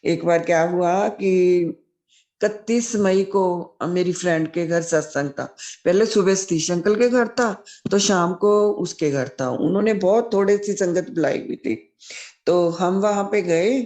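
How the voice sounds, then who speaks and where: A woman's voice: on the low side, measured pace, darkish tone. Older woman telling a devotional story. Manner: chatty storytelling, often repeats devotional greetings. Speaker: devotee sharing her testimony. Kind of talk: devotional testimony at a satsang.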